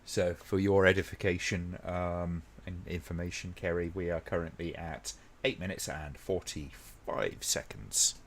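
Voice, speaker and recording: A man hosting a casual watch-along live stream, talking to his chat in a relaxed, rambling way with many ums. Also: low voice, a little slow, hardly any pauses, a little hiss or hum.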